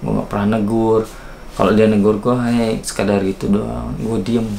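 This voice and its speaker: A man's voice: lowish voice, level tone, normal speed, gravelly, a little mellow. A man casually tells a personal story, confiding in the viewer. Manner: chatty, confiding, talks straight to the viewer. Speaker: vlogger. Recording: echoey room, faint noise.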